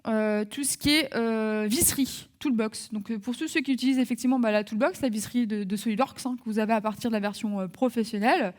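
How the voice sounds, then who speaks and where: A woman giving a live software training webinar, talking through steps with many fillers and restarts. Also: on the high side, quick pace, hardly any pauses.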